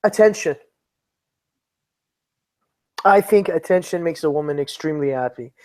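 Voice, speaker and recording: A man's voice: a little high, normal speed, a little mellow, dry recording. A man in his thirties, a guest on a chat show, joking and self-deprecating in easy banter. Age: 30s. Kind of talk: casual chat.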